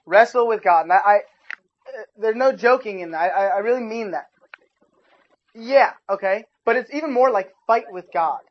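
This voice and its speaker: A man giving an informal sermon as a youth pastor, chatting casually with his listeners and adding animated asides. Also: high voice, moderate pace. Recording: dull lo-fi recording.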